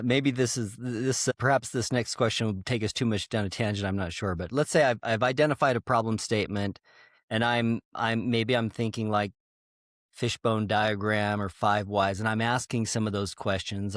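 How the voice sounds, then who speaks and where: A man's voice: lowish voice, no room sound, clean studio sound. A man hosting a podcast interview, asking questions and often restarting his sentences. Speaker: podcast host.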